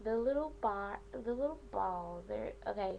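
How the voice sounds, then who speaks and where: A woman's voice: medium pitch, lively intonation, moderate pace, vocal fry, muffled recording, very noisy. A young woman giving advice in a casual, slangy, rambling vlog style, easily sidetracked as she talks. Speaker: vlogger sharing piercing aftercare advice. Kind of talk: casual rambling chat to camera.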